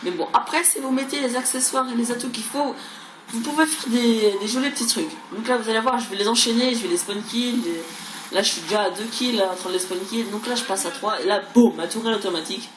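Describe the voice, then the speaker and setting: A woman with a fairly high voice talks quickly through casual, rambling commentary on a game, stumbling over words, repeating herself and swearing a little. She's a gaming video creator, and the recording has a roomy echo and a clearly noisy background.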